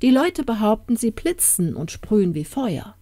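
A woman's voice: on the high side, sing-song, normal speed, warm tone, no room sound, voice pushed up. A vain, stubborn old king, voiced by a woman narrator speaks with haughty scorn. His lines come firm and a little raised in this storybook reading. The recording is dry and close. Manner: haughty, scolding.

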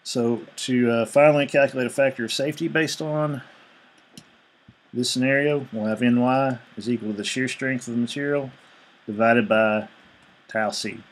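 A man's voice: mid-range voice, fairly even intonation, moderate pace. A male engineering instructor giving a screencast lecture, explaining each step evenly and reading out numbers as he works.

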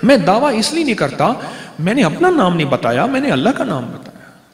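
A man's voice: high-pitched, big pitch swings, fairly quick. A man preaching a religious sermon in a fervent, repetitive, pleading cadence. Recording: echoey hall with long reverb.

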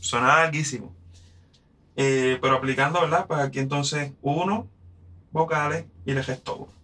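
A Puerto Rican man teaches verse in a bright, clear voice at an ordinary pitch. He explains each step patiently and counts syllables aloud. His delivery is steady and unhurried. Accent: Puerto Rican Spanish. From Puerto Rico. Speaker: poetry teacher.

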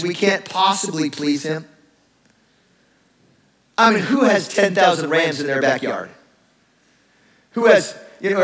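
A middle-aged male pastor giving a lively, joking sermon in a church. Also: high-pitched, reverberant, rough recording. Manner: animated, joking, acts out sarcastic voices. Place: church sanctuary.

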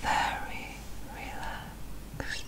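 A woman guiding an ASMR relaxation hypnosis in a whisper, with a slow, soothing hypnotist delivery and long pauses. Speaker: hypnosis guide.

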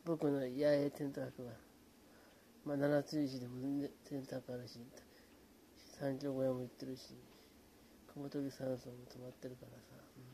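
There's a faint hiss under this casual late-night chat, in which a man speaks softly from a small apartment room. Mellow and in no hurry, he says hello to viewers and slides into relaxed, wandering talk, often dropping in fillers like うん.

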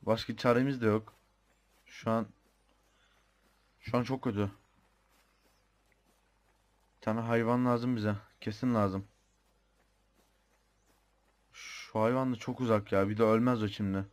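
A man's voice: fairly low pitch, fairly even intonation, a little slow, pauses often. A young man with a Turkish accent giving casual commentary on his own gameplay, chatty and thinking aloud, muttering the odd mild swear. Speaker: gamer.

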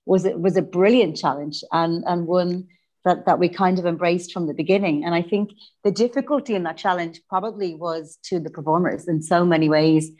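A woman, a theatre director, talking over a video call from a small empty classroom that makes her voice sound echoey. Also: lowish voice. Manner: reflective, animated, laughs easily.

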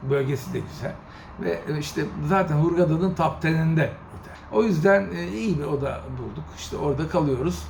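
A middle-aged man from Turkey tells a travel story in a raised, gravelly voice. He shifts from easy chat to animated indignation, mimicking officials in quick bursts. The sound is roomy with a faint hum of ambience behind. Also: on the high side. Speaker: host. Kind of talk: casual storytelling monologue. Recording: echoey room with faint ambient noise.

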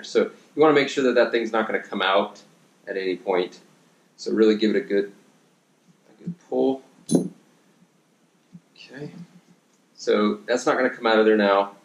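A man's voice: on the low side, vocal fry, muffled recording. Man demonstrating a DIY project in an echoey home gym. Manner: relaxed instructional, many fillers and restarts; working with his hands while talking. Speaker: fitness coach. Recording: echoey room.

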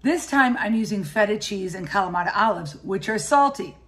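A woman in her fifties talks to the camera in a chatty, enthusiastic way. She sounds practical and friendly, full of shopping and cooking tips. Her voice sits at an ordinary middle pitch. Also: expressive, fairly quick. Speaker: cooking and grocery vlogger. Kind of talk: casual shopping and cooking walkthrough. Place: indoors at home and in a grocery store.

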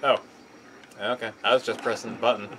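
A man's voice: on the low side, steady tone, a little fast. A man playing a video game, making playful remarks and laughing as he goes, in a noisy recording. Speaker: player. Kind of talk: casual gameplay chat. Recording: noisy gameplay session audio.

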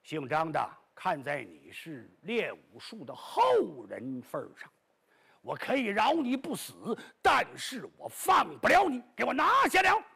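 A male storyteller voicing a stern, threatening island chief who barks orders, with a raspy voice. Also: on the high side, huge pitch swings, measured pace, voice pushed down, exaggerated voice. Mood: commanding. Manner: cold, threatening, commanding.

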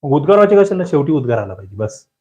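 A man giving an online exam-prep lecture, drilling grammar questions with lively, rising emphasis and questions to his students. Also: a little high, rapid-fire, lo-fi sound.

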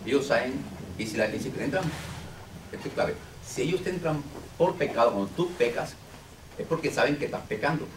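A man's voice: mid-range voice, animated, brisk. A man, a deliverance minister, teaching a small group informally, repeating himself and checking in with "ok?" and "understand?". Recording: echoey room, distant mic, noisy.

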